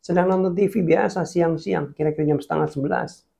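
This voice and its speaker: Earnest gravelly male preacher. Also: a little high, steady tone, a little fast. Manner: earnest, addresses listeners as guys, drops to hushed tones. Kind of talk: sermon with personal testimony.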